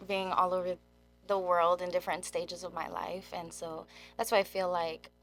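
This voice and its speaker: This is a casual interview chat with a young woman in her twenties whose military family moved her between Germany and South Korea. Her fairly low voice has a flat delivery and a fairly bright tone, her pace is moderate, and "like" fills her informal speech. A little hiss or hum runs under the audio.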